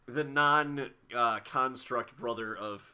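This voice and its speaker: A young man co-hosting a podcast in casual chat, halting and repeating words while he searches for names. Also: mid-range voice, bright, forceful tone, smooth. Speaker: podcast co-host.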